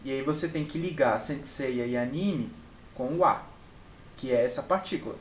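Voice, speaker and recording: A man's voice: mid-range voice, normal speed. A Brazilian man with a Brazilian Portuguese accent, casually walking through his study notes. He repeats each example word and keeps checking in with his listener. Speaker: channel host and Japanese learner. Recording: echoey room with faint background noise.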